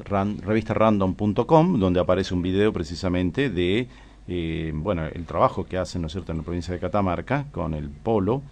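A man's voice: low-pitched, darkish tone. A man, hosting a casual show, chatty and full of short agreements. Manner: chatty, with many short backchannels. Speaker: radio show host. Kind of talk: casual interview chat.

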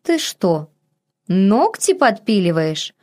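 A woman voicing a sharp-tongued, irritable young heroine. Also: medium pitch, big pitch swings, slow. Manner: snappy, sarcastic.

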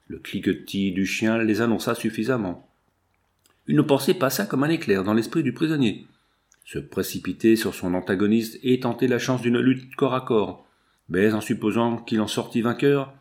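Male audiobook narrator, low-pitched, steady and dramatic storytelling. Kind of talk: scripted narration.

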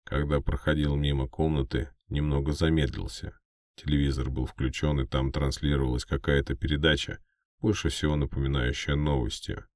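Very deep-voiced male audiobook narrator. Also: little pitch movement, moderate pace, no room sound, clean studio sound. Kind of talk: scripted first-person fiction narration.

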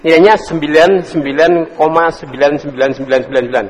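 A man's voice: on the high side, steady tone, fairly quick. Man teaching Arabic in an echoey hall. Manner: drills students, calls on them by name, chuckles. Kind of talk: casual classroom teaching.

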